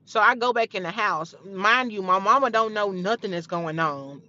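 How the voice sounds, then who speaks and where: A woman's voice: medium pitch, moderate pace, sharp tone, muffled recording. A young woman telling a heated personal story in a blunt, profane, casual way.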